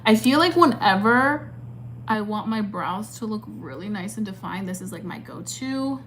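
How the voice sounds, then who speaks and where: Expressive and fairly bright, this twenty-something woman's mid-range voice moves at a moderate pace as she does her makeup and responds to live chat. She's chatty and cheerful, leaning heavily on fillers like "like" and "um," and the rough recording carries slight background noise.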